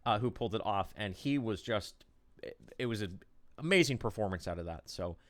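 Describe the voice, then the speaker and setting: A man casting a live esports final, talking fast and loosely through the picks with plenty of fillers and excited jumps. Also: lowish voice. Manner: rambling, excitable play-by-play with fillers. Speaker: esports caster.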